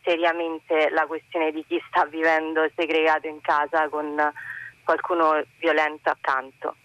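Radio phone-in caller, a woman from Rome, earnest, steady even delivery, muffled phone sound. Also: low-pitched, no echo. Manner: earnest, searching for words with pauses. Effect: heard over a phone line. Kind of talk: phone-in comment on a call-in radio show. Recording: dull lo-fi phone line, dry.

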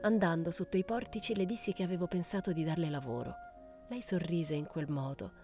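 A woman narrating a literary audiobook in a measured, unhurried way. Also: on the low side, music in the background. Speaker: audiobook reader.

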